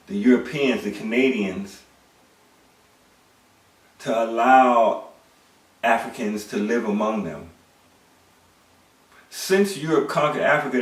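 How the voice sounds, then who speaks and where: A man's voice: fairly low pitch, distant mic. A middle-aged man delivering an emphatic monologue lecture, posing rhetorical questions and repeating words. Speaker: commentator. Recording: echoey room, away from the mic.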